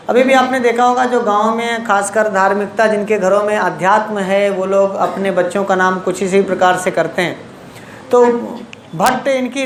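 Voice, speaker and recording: A woman giving an unhurried, explanatory lecture as a literature teacher, repeating key terms and asking rhetorical questions. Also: mid-range voice, a little hiss or hum. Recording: echoey room with faint ambience.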